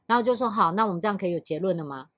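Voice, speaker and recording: A woman's voice: medium pitch, animated, very fast, fairly bright tone, no room sound. A woman with a Taiwanese Mandarin accent tells workplace stories on a podcast, recorded close and dry. She chats easily and plays both sides of the exchanges she describes. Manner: storytelling, acts out both sides of quoted dialogue. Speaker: podcast co-host. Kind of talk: casual chat.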